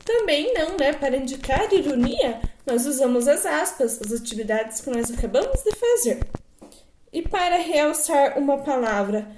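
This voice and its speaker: A woman's voice: sits high, sing-song, moderate pace, darkish tone, roomy sound, a little hiss or hum. A Brazilian woman teacher with a patient manner, explaining homework exercises and often adding tag questions. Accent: Brazilian Portuguese.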